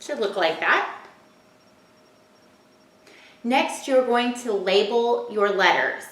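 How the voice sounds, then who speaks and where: A woman teaching a recorded phonics lesson, sounding out words slowly and clearly and encouraging the children. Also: medium pitch, lively intonation, fairly bright tone, roomy sound. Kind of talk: recorded home-learning lesson.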